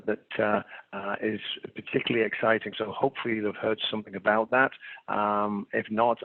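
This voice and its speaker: Middle aged english guy doing a webinar, polite and halting, gravelly voice, dry tinny phone audio. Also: fairly low pitch, no echo. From England. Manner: hesitant, self-deprecating, polite. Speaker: webinar presenter, clinical consultant. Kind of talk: informal professional webinar presentation. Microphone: remote webinar call. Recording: narrow phone-like line.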